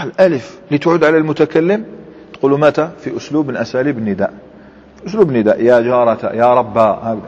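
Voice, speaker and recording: A man's voice: medium pitch, darkish tone, breathy edge. Guy teaching grammar, quizzes the class as he goes, long echo like a big hall. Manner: explains step by step, quizzes students, mixes dialect with formal Arabic. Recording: dull lo-fi recording in a large reverberant hall.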